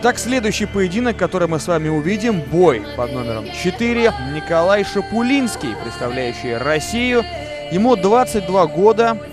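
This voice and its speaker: A man's voice: sits high, big pitch swings, moderate pace. A man giving live sports commentary, reciting fighter statistics in an informational way. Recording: loud music behind the commentary.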